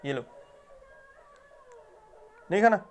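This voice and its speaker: A man's voice: slow pace, faint music behind. A man talking casually to his pet parrot, coaxing and scolding it with short, repeated phrases. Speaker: pet owner.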